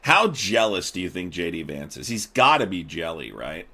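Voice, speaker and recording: Brief: young male streamer, lively swooping delivery, bright forceful voice, swears a lot. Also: sits low, moderate pace, breathy edge. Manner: profane, animated, laughing riffs. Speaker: streamer host. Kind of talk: casual live-stream commentary.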